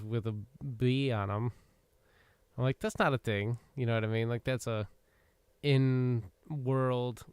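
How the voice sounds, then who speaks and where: A man hosting a gaming livestream who chats loosely, rambles and swears casually while he has the hiccups. His voice is very clear and dry, and he speaks close to the mic. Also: medium pitch, no echo. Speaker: livestream host. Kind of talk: casual gaming stream chat.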